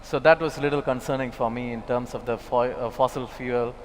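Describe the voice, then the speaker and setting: A man's voice: mid-range voice, fairly even intonation, fairly quick, slight background noise. Hesitant man on a panel. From Kerala, India. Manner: hesitant, many fillers. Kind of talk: panel discussion. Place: large expo hall. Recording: hall reverb, faint ambience.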